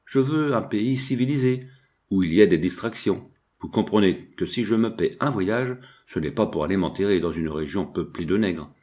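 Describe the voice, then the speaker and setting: A man's voice: low-pitched, expressive, moderate pace, darkish tone. A man reading an audiobook, voicing a fussy, pleasure-seeking male thief on the run. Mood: dismissive.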